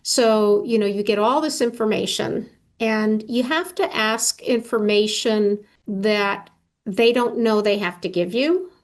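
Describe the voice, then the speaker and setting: A woman's voice: medium pitch, a little slow. A woman in her sixties from Argentina, an architect answering interview questions in a thoughtful, conversational way. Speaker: architect and firm founder. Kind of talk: casual interview.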